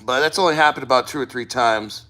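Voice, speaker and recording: A man's voice: medium pitch, fast talker, bright, forceful tone. A man talking casually in a first-person vlog, rambling and plain-spoken with frequent swearing. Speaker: vlogger. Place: sitting in a cold plunge.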